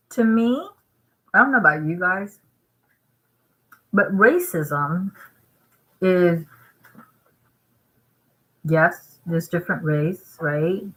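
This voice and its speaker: A Vietnamese vlogger speaks straight to her viewers in a low voice while eating, in a casual talking-head vlog. She rambles and pushes her points hard, tagging them with "right?", and her voice sounds pushed and bright on a low-quality recording.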